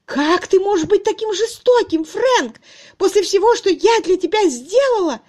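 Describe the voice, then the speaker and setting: A woman reading a desperate older spinster in an audiobook, shrill, tearful and pleading. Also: big pitch swings, unhurried.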